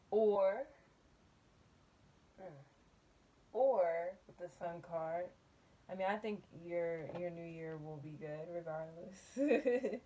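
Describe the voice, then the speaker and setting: A woman giving a casual tarot reading, musing and unhurried, humming and laughing softly between thoughts, from a table in a small dim room. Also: on the low side. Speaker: tarot reader.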